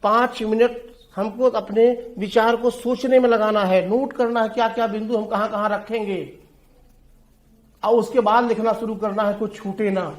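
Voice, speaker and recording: His voice sits high with a steady tone and moderate pace, recorded in an echoey room. The Hindi-accented teacher explains essay writing for exam prep through everyday examples, addressing his students directly.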